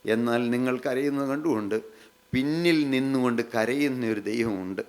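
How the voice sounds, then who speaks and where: A man preaching a sermon, repeating phrases emphatically, slowing down on key lines and putting questions straight to his listeners. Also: mid-range voice. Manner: repetitive, emphatic phrasing with slowed, drawn-out lines; addresses listeners directly with questions.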